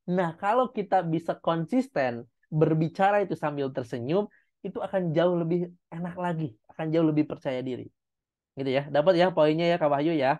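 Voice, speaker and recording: Coach on a dull video call. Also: male voice, a little high, darkish tone. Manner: encouraging, explains step by step, with demonstrations. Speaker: public speaking coach. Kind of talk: online class feedback.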